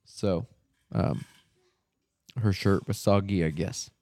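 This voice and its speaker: A man's voice: deep voice, takes it slowly, darkish tone, no echo. A young man hosting a casual podcast from a couch at home, rambling and joking crudely. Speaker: podcast host. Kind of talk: casual chat. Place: living room couch.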